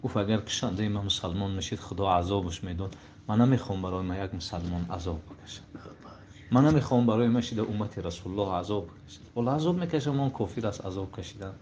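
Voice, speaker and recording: Man, mullah, sermon storytelling, shifts from loud to hushed, muffled recording, faint background noise. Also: on the low side. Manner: emotional, swings between loud exclaiming and hushed tones. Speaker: mullah preacher.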